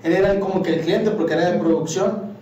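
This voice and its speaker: Young Mexican guy, high voice, mellow tone, slangy rambling chat, echoey room, mic at a distance. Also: a little fast, a little hiss or hum. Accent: Mexican Spanish. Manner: slangy, rambling storytelling with many fillers. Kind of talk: casual chat.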